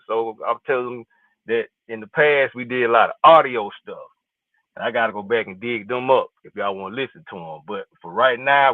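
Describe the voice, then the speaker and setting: A man's voice: mid-range voice, dry recording. A man hosting a casual podcast, rambling loosely and saying "man" often, heard through a phone. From South Carolina. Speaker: podcast host. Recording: tinny phone-like line.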